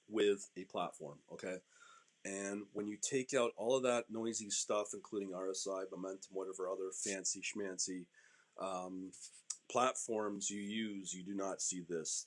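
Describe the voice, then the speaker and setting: Low, deep-voiced man live-streaming casually. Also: normal speed. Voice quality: low-volume voice. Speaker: host of a live trading stream. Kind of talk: casual live market commentary.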